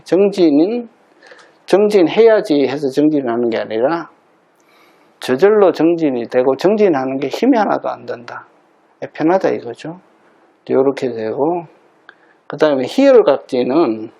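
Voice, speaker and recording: Male dharma teacher, middle-aged, patient explainer; slightly high, mellow tone. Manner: explanatory, repeats key terms for emphasis. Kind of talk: dharma talk lecture.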